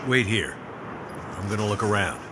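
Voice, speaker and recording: Guy voicing a calm protective game survivor, really deep voice, loud ambience behind. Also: normal speed, heavy background noise, close to an everyday voice. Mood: reassuring. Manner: calm, reassuring. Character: steady adult man survivor, calm and protective. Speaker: game character. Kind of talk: video game voice acting.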